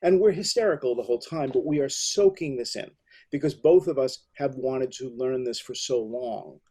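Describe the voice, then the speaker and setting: A man's voice: medium pitch, normal speed, dark tone, husky. A middle-aged American man hosting an interview, telling rambling, enthusiastic stories. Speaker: host. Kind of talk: casual interview talk.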